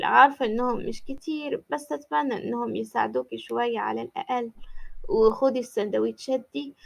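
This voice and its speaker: A woman doing a gentle Egyptian mother. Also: fairly high pitch, creaky, lo-fi sound. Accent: Egyptian Arabic. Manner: tender, coaxing. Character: gentle caring mother, middle-aged woman, soft-spoken.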